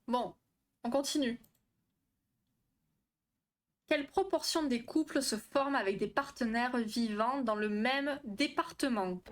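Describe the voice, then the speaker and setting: A young woman is hosting a relaxed live stream, answering her chat as she goes. She is chatty, swears freely and keeps tripping over her words. Her voice sits a little high. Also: a little slow, pauses often. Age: young adult. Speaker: livestream host on relationships.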